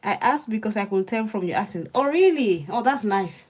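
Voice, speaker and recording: Here the young Nigerian law student sounds animated, her medium-pitched, slightly rough voice moving at a moderate pace. In her Nigerian accent she murmurs notes aloud and chats with viewers on a laid-back study livestream.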